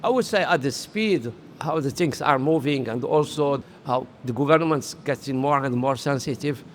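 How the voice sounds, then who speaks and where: A middle-aged man from Morocco speaking earnestly as an interview guest at a solar trade conference, often pausing with "I would say" to find his words. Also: mid-range voice, a little hiss or hum. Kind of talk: casual interview talk.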